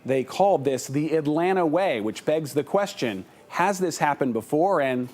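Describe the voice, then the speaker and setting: Higher-pitched male investigative news reporter. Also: animated, moderate pace, darkish tone.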